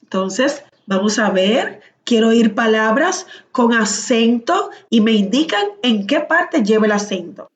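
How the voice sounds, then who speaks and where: A woman's voice: on the high side, animated, a little slow. A woman teaching a class over a video call, patiently asking questions and calling on students by name. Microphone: computer mic on a video call.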